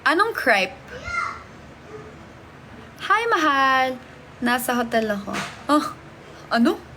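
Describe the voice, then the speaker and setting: A woman's voice: sits high, very animated, slow pace, background noise. A woman hosting a casual live stream from a hotel, chatting and greeting viewers as she reads their comments. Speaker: livestream host. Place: hotel room.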